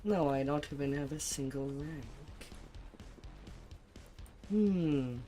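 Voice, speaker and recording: A man mutters casual commentary as he plays a game. His voice sits fairly high and he talks very slowly, with faint music in the background. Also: dark tone. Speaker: gamer commentating on own play.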